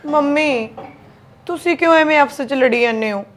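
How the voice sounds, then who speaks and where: A woman playing a young deserted wife who speaks gently and with sorrow. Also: sits high, normal speed, natural voice. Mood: sorrowful. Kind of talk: family drama acting.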